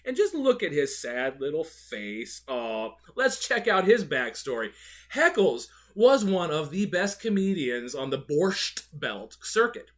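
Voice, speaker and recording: Excitable man with a lively, highish voice. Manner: excitable, gushing. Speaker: host of a Halloween animatronic video show. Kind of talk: enthusiastic product commentary with read-out descriptions.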